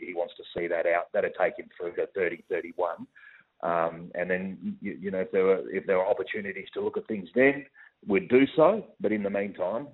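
Aussie footy exec on a tinny phone line, deep voice, lots of ums. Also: male voice, husky. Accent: Australian. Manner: measured, many fillers and restarts. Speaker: football club executive. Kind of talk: phone interview on radio.

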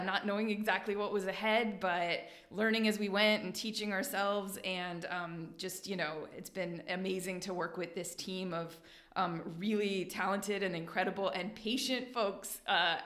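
A woman co-hosting a podcast chat, speaking in a friendly, relaxed way and passing the talk to others. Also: mid-range voice. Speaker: podcast co-host and theater producer. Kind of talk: casual video-call conversation. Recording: echoey room.

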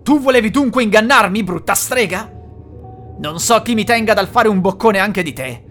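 A narrator voicing a cruel, hungry male ogre who talks in loud, growling threats. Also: medium pitch, animated, brisk, faint music behind, lightly acted. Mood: furious.

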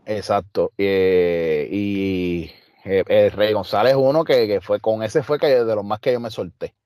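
A man with a Puerto Rican Spanish accent, a wrestler and trainer appearing as a guest, tells stories in a casual interview in an emphatic, streetwise way with lots of fillers. His voice is on the low side and warm, at a measured pace, in a dry, studio-quality recording.

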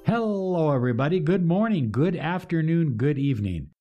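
A man hosting a motivational podcast, talking with enthusiastic, preacher-like emphasis and drawn-out phrases. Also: fairly high pitch, sing-song, highs cut off, soft background music. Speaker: podcast host and life coach. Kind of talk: upbeat motivational podcast talk.

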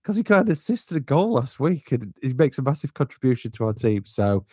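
A man's voice: medium pitch, sing-song, fairly quick, a little mellow, husky, no echo, studio quality. A man hosting a casual football podcast, chatty and teasing, handing the floor to his co-hosts. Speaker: podcast host.

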